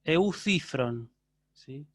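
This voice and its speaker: A university lecturer with an Argentine Spanish accent teaches a class online. His voice sits a bit high for a man and sounds close and dry. He explains patiently and keeps checking that his students are following. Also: animated, drawn-out words, no room sound. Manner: answers student questions live.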